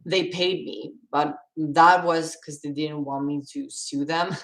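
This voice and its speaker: A young Swedish woman with a low voice chats on a stream and answers viewer questions in a relaxed, rambling way, laughing now and then. She speaks in a Swedish accent at an unhurried pace. Her voice rings a little in an echoey room. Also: gravelly. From Sweden. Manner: chatty, rambling, laughs often. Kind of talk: casual live-stream Q&A.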